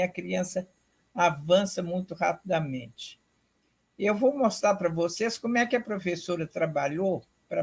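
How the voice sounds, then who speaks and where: A woman giving an academic lecture, explaining slowly and deliberately, repeating herself and checking in with her audience. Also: fairly low pitch, gravelly, breathy edge.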